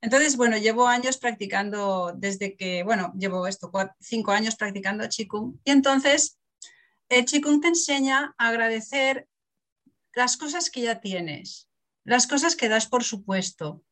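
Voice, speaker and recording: A woman's voice: a little high, unhurried. A middle-aged woman from Barcelona, an author telling stories in a casual interview and laughing often. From Barcelona, Spain. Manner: animated storyteller, acts out quotes, laughs often.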